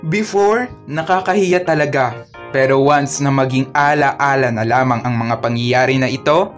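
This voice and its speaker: Over soft music, a man with a Filipino accent and a medium-pitched voice narrates comedic, embarrassing stories for his own cartoon. He speaks at a moderate pace, poking fun at himself playfully.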